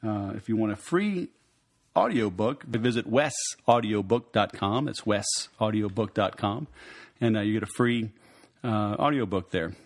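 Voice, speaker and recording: A man hosting a podcast in a casual interview style, halting, with frequent ums and pauses. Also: lowish voice. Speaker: podcast host.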